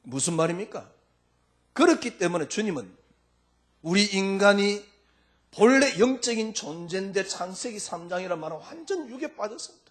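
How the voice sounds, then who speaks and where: A male pastor preaching a sermon, firing rhetorical questions at his congregation in an informal, lively way. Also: high-pitched, moderate pace. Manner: speaks informally and lively in the pulpit.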